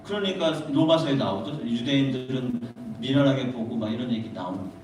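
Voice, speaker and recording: A man's voice: medium pitch, fairly quick. A man preaching a conversational sermon to teenagers, acting out the voices he quotes. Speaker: pastor. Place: church sanctuary. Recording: echoey, distant room mic, faint noise.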